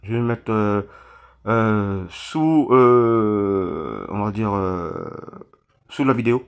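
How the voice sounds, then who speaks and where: A man from Réunion speaking straight to his viewers, halting and full of restarts, pleading for help after a cyclone. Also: on the low side, sing-song, gravelly, smooth. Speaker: vlogger appealing for donations. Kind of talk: emotional appeal to camera.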